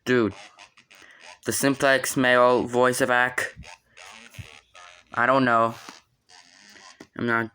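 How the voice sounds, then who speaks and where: A man's voice: medium pitch, level tone, slow, long pauses, bright, forceful tone, smooth, soft background music. A man chatting casually as he gives a hands-on equipment demonstration. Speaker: hobbyist demonstrator.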